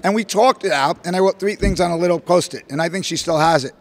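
A middle-aged man with a fairly high voice speaks from a podium in a press room. He talks in animated, rambling bursts, circling back through his points with fillers and restarts, the way a coach answers after a game. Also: fast. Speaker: head basketball coach. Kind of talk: postgame press conference. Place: press room, standing at a podium before a logo backdrop. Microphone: podium microphone.

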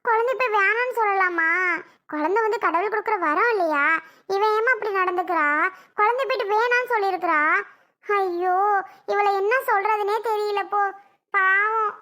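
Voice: very high-pitched, sharp tone. A performer doing a snappy young wife. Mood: curious. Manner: curious, quick, snapping back. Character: sharp-tongued young married daughter. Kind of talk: family skit acting.

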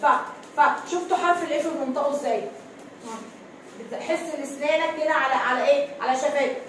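A high-pitched woman with an Egyptian Arabic accent gives an English lesson. She reads slowly and repeats each sound many times. Her voice comes from a distance in a very echoey room, with a faint hiss behind it. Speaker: English teacher. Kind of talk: classroom lesson, reading a story aloud and translating. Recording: echoey room, mic far off, light noise.

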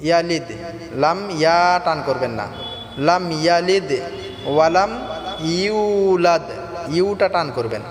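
A man teaching Quran recitation, chanting verses slowly and melodically, then explaining pronunciation quickly in a Bangladeshi Bengali accent. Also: a little high, expressive. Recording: echoey reverberant room with faint background music.

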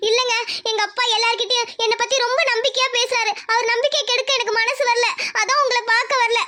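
A woman voicing a timid young village woman in love, talking in an anxious, hushed, pleading way in a cartoon. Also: very high-pitched, steady tone, fast. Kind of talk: cartoon voice acting.

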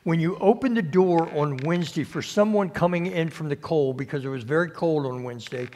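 A man preaching a conversational sermon at a church service, unhurried and often restarting or repeating his words. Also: on the high side, darkish tone, slight background noise. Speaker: pastor.

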